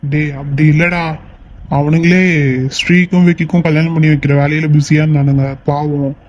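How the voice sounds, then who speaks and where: A man's voice: a little high, level tone, a little fast, a little mellow, a little hiss or hum, lightly acted. A man voicing a caring young man in a cartoon, reassuring a friend and urgently asking for help. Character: caring young man, older brother figure. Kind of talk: cartoon voice acting. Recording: dull lo-fi recording.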